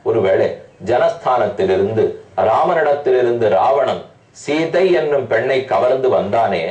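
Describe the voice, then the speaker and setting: A man giving a devotional discourse who chants scripture verses slowly and then explains them in plain talk. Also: medium pitch, a little mellow. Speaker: religious discourse speaker. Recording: roomy, from far off the mic.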